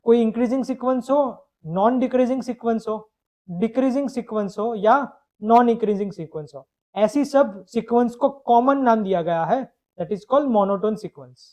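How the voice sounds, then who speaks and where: Mellow-voiced man teaching math. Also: very high-pitched, moderate pace. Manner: explains step by step, asks questions and answers them; mixes English phrases into his explanation. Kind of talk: live online math lecture.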